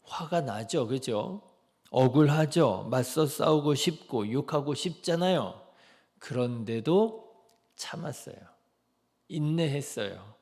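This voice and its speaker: Gravelly-voiced male pastor preaching. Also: medium pitch, animated, takes it slowly. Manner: rhetorical questions to the congregation, soft dips into quoted prayers. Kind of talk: sermon.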